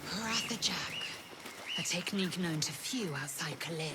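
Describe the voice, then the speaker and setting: Eine tief klingende Kriegerin aus einem Videospiel, gespielt von einer Frau, ernst, knapp und stolz. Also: female voice, lowish voice, animated, normal speed, close to an everyday voice. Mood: proud. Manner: clipped, solemn, often whispered intensity. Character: proud, fierce female githyanki warrior. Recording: game audio with loud noise.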